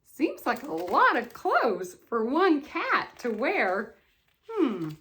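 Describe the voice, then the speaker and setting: A woman's voice: high-pitched, takes it slowly. An older woman, a sweet grandmotherly lady, reading a picture book aloud to children with affectionate, folksy, exclaiming asides. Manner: exclaiming and expressive. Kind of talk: read-aloud storytelling with chatty asides.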